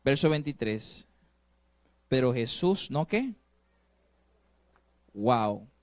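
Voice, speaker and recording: A male pastor delivering a sermon, preaching emphatically and swinging between loud and soft passages while asking the congregation rhetorical questions. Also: mid-range voice, big pitch swings, very slow, dry recording.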